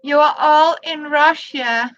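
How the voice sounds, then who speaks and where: A Danish woman in her fifties, a non-native English speaker, chatting on a live crafting stream in halting, simple English and greeting viewers by name. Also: high-pitched, a bit bright, dry recording, dull audio. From Denmark. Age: 50s. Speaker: livestream crafter.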